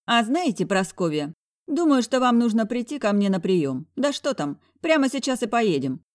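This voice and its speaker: A woman's voice: a little high, sing-song, normal speed, no echo, studio quality, voice pushed up. A woman voicing a smug, teasing middle-aged male doctor in an audiobook. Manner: teasing, self-satisfied.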